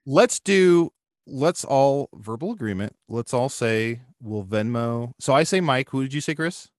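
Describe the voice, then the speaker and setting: A man's voice: medium pitch, lively intonation, unhurried, dry recording, clean studio sound. A man in casual podcast chat who rambles and hedges, thinking aloud as he talks.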